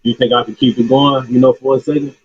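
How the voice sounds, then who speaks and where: A man's voice: medium pitch, level tone, fast talker, slightly rough, dry recording. Muffled man calling in over a distorted phone line. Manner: laid-back, slangy, rambling. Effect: muffled, distorted phone line, as if talking through a water hose. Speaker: caller. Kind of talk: casual call-in chat.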